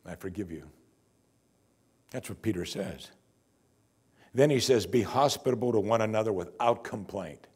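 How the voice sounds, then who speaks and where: An older man, a pastor, preaching a sermon from the pulpit of a church in a lively, conversational and wry way, on a lapel mic. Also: fairly low pitch, normal speed, pauses often, breathy edge.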